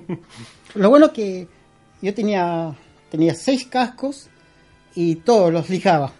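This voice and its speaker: A middle-aged Peruvian costume and prop maker, with a Peruvian Spanish accent, rambles through a casual interview as a guest, full of fillers and restarts. His high, mellow voice is expressive and measured in pace, and faint music plays behind him.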